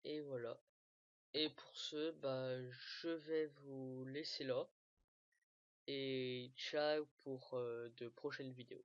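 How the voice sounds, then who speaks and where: Taking it slowly in a steady, mid-range voice, a gaming tutorial maker walks through a game tool on a casual screen recording. Expect frequent hesitation, fillers, and restarts. The dull lo-fi mic is dry and has no echo.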